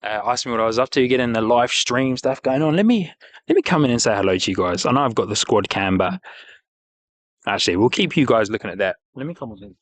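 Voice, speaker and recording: A man's voice: mid-range voice, expressive, quick pace, no echo. A man with a broad New Zealand accent chatting casually as a livestream host, upbeat, matey and enthusiastic. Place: outdoors beside an airport.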